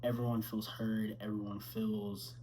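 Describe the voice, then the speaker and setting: A man's voice: lowish voice, level tone, unhurried, warm tone, slight background noise, rough recording. A twenty-two-year-old man, a film student, talking casually from his bedroom, rambling with fillers and self-corrections. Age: 20s.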